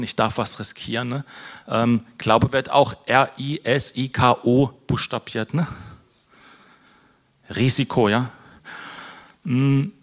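A middle-aged male pastor giving a conversational sermon, tagging nearly every phrase with a quick question and slipping in self-mocking jokes. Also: medium pitch, creaky, a bit bright. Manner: conversational, tag questions "ne?" after most phrases, self-deprecating humor. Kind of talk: casual sermon.

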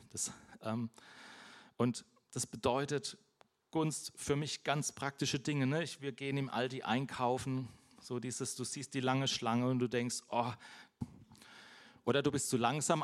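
A man preaching an informal sermon, chatty and direct, with everyday examples and frequent "ne?" tags. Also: medium pitch.

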